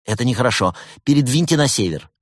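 A man's voice: medium pitch, animated, fast, husky, no room sound, studio quality, voice pushed up. A man doing a chirpy young tech-support guy. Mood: cheerful, eager. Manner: chirpy, eager, bright helpful phone manner. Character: young cheerful male tech-support worker. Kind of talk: audiobook character voice.

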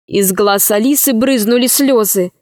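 A woman reading a children's fairy tale aloud in a slow, expressive way. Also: on the high side, dry recording, studio quality. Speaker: narrator.

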